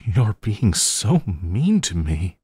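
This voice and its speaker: In an intimate audio roleplay, a man plays a lovestruck, obsessive villain, flustered and fully in character. His low, husky, darkish voice swoops theatrically through a slow drawl with big pitch swings, slipping into giggles; he's playfully menacing yet ready to plead like a devoted lover. The recording is dry.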